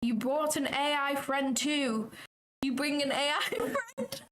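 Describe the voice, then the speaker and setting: A woman's voice: high voice, very animated, slow pace, a bit bright, poor audio. A woman hosting a trading livestream, chatting casually, giggling and swearing freely. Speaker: livestream host and futures trader.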